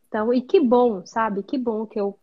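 A woman's voice: a little high, steady tone, moderate pace, highs cut off. A woman, a mother, explaining at length in a casual talk-show conversation, often tagging her sentences with questions. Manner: chatty, explanatory, frequent tag questions. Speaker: guest mother.

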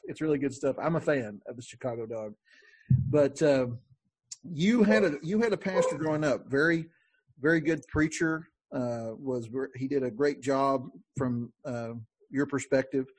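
A man hosting a podcast in a relaxed, conversational way, with frequent fillers and restarts. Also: medium pitch, breathy edge, no room sound. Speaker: podcast host. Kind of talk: casual podcast talk.

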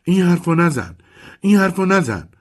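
A high-strung, frightened woman in a spoken-word story, as a male narrator puts her on, her voice pushed well up into a thin, pleading register. The tone has a husky edge, and her pitch swings wildly between tense pleading and shrill outbursts. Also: expressive, a little mellow. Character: frightened, volatile middle-aged woman. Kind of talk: audiobook character voice.

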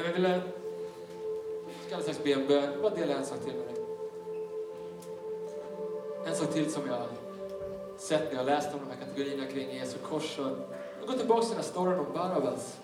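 Male pastor, fervent sermon voice and high for a man, distant mic in a very echoey large hall. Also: pauses often. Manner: fervent, urging listeners directly. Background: worship music.

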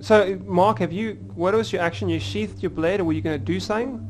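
Man, game master, slightly high voice, laughs a lot, stop-start delivery, clear music underneath. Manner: playful, laughs often, halting restarts. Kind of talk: running a tabletop game over voice chat.

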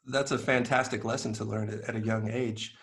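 A man hosting an interview podcast, asking questions in a friendly, measured way. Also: lowish voice, steady tone, fairly bright tone. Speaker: podcast host.

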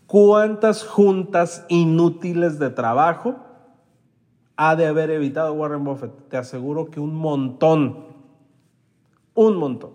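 A man's voice: on the high side, unhurried, a little mellow, long reverb tail. A man giving a motivational self-help talk as a podcast host, coaching listeners and having them repeat phrases after him.

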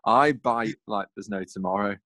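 A man's voice: fairly low pitch, moderate pace, pushed and bright, dry recording. A man co-hosting a casual football podcast, chatty and self-mocking. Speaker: podcast co-host.

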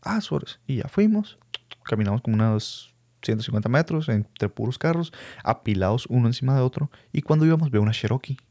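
Medium-pitched and quick, a young man with a Mexican Spanish accent recounts a personal story in a relaxed way. He brings it to life, laughing and performing the voices of those he quotes. The studio-quality recording has no room sound.

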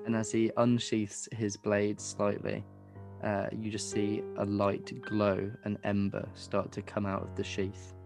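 A man narrating as game master, chatty and laughing often, with a hushed tone for the tense parts. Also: fairly low pitch.

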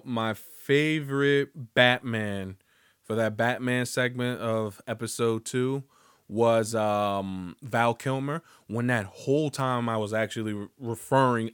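On his own podcast, a host with a medium-pitched, slightly bright voice delivers a casual solo monologue that rambles loosely, full of profanity and jokes. The recording is dry, with a clean tone and clean studio sound.

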